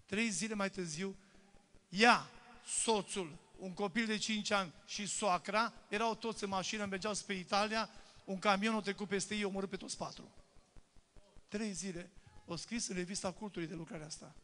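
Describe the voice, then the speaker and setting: A man preaching, telling stories and acting out the voices in them, then rising to loud, urgent appeals. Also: high voice, steady tone. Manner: acts out quoted voices, laughs between. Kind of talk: testimony sermon.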